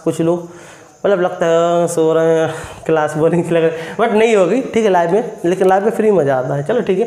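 A man teaches vocabulary in a live class streamed from his phone. He quizzes his viewers again and again and spells the words out slowly. His voice rings in an echoey room. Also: high-pitched, a little mellow.

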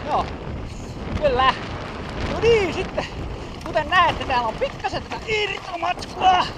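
A man's voice: very high-pitched, lively intonation. A man giving a casual running commentary as he rides a mountain bike trail, with breathless exclamations, swearing and self-mocking remarks. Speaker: mountain biker filming his ride. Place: outdoor bike park trail. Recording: outdoor wind noise on camera mic.

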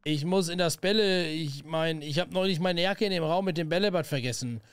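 A man's voice: fairly high pitch, brisk, clean tone, no echo, natural voice. A man voicing a young boy in a game who makes hesitant excuses. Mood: pleading. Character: fibbing young boy sneaking in.

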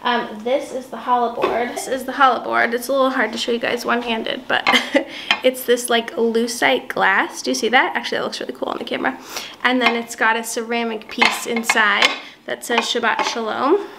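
In a home vlog filmed in a house's open dining room and kitchen, a woman in her thirties from a South African family background chats informally with a self-deprecating, conversational manner. Her voice is on the high side and gravelly, with flat delivery at normal speed, and the background is noisy.

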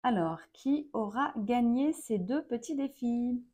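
A fairly high-voiced woman in her thirties talks to her viewers in a relaxed home-vlog style. She takes her time, pausing and hesitating often as she explains things step by step. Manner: slow and measured, with frequent hesitations. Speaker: vlog host, mother of four. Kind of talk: casual talk to camera.

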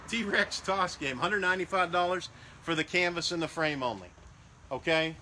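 A man's voice: on the high side, moderate pace, bright, forceful tone, slight background noise. A man casually walking through a sales showcase of party games, repeating prices and restarting phrases as he goes. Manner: walking around showing products. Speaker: salesman for a game rental company.

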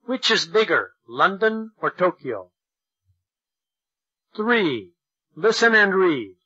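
A man narrating a school English textbook recording, reading each line slowly and with deliberate care for learners. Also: high voice, very animated, bright, forceful tone, husky, dull audio. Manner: slow, deliberate, over-articulated delivery for learners. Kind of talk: slow, clear textbook reading.

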